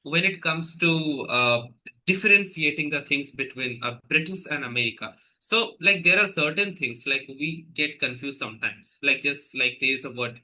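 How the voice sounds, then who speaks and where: A man with an Indian accent talks through ideas in a very bright, sharp voice, checking in with "right?" as he goes. He is an English trainer in a relaxed podcast conversation. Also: on the high side, moderate pace, low-quality recording. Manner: chatty, explains with examples and frequent "right?" tags.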